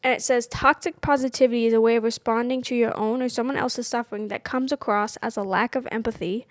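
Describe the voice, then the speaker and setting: A woman's voice: a little high, fairly even intonation, quick pace, no room sound, clean studio sound. A woman who can't quite say her R's, which come out like W, chatting casually and emphatically with a fired-up opinionated streak. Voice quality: speech impediment on R sounds, which come out soft like W. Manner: emphatic, fired up, mild swearing.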